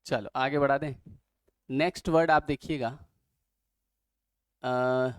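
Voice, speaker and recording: A man at a middle pitch leads a vocabulary lesson for exam students. He ribs the class with playful jabs and then reads each definition slowly and deliberately. The sound is close and dry. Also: steady tone, clear, resonant tone, dry recording. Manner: joking, teasing students between word lists. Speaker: vocabulary teacher. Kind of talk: online class lecture.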